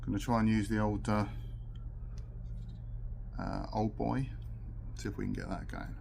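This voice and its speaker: A British man gives a casual review to camera, puffing on a pipe between remarks, captured only by the camera's built-in mic, so the audio is noisy. His lowish voice is creaky and fairly even in intonation, and he speaks a little slowly.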